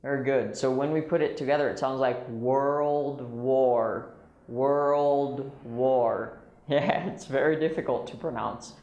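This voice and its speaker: A man teaching English pronunciation, slowly repeating single words and patiently explaining the sounds. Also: medium pitch, a little mellow, reverberant, highs cut off. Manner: slow, patient, models words in isolation. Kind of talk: pronunciation drill lesson.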